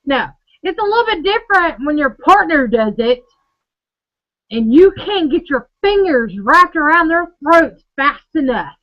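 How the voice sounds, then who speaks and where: A woman co-hosting a casual drinking chat show, telling stories in a profane, animated way. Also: high voice, measured pace. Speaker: podcast co-host. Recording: dull lo-fi recording.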